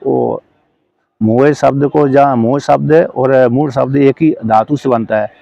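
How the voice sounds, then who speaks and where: A man's voice: mid-range voice, fairly even intonation, creaky, dark tone, no echo, muffled recording. A man teaching scripture in a lesson, explaining a commentary word by word, often breaking off to correct himself and asking his listeners if they follow. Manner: halting, self-correcting, checks in with listeners; slow chanted verse recitation.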